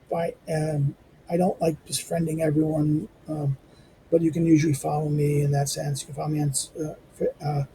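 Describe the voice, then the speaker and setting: Wrapping up a reading lecture, a lecturer and channel host rambles loosely through an informal spoken outro, stumbling on fillers and starting sentences over. His hoarse voice is high for a man and squeaky, gravelly yet dark and mellow. The low-quality recording carries a little hiss or hum.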